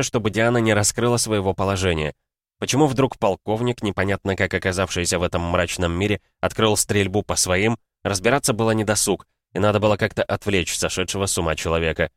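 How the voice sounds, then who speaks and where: A male audiobook narrator with a lowish voice. His reading is steady and measured. The recording is dry, with the mic close. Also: no echo. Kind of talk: audiobook narration of science fiction. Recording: dry close studio sound.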